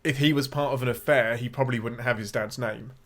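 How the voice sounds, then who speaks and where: A man's voice: mid-range voice, fairly even intonation, quick pace, fairly bright tone. An English man co-hosting a film podcast in casual chat, thinking aloud, hedging with "I think" and correcting himself as he goes. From England. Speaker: podcast co-host.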